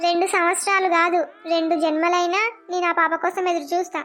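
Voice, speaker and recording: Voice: very high voice, flat delivery, quick pace, fairly bright tone. A voice actor playing a devoted, shy young village man in a cartoon, speaking earnestly with a Telangana accent. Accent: Telangana Telugu. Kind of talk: cartoon voice acting.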